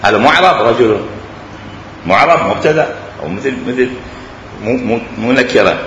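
Lively Iraqi man lecturing in an echoey hall. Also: mid-range voice, moderate pace, a little hiss or hum. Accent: Iraqi Arabic. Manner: animated and explanatory, repeating examples. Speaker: teacher. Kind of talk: classroom grammar lecture. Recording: echoey hall, faint ambience.

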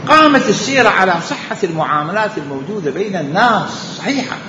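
Animated male lecturer, echoey hall. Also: medium pitch, noisy background. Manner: animated lecturing with rhetorical questions and repetition. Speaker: religious scholar teaching jurisprudence. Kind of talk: lecture in Islamic jurisprudence. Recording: echoey hall, dull lo-fi sound.

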